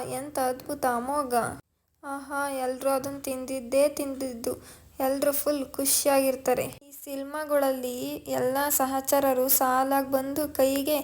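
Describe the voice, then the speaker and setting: A woman's voice: high voice, little pitch movement, slow pace, a little mellow. A woman voicing a boastful male sidekick gloating over a plan.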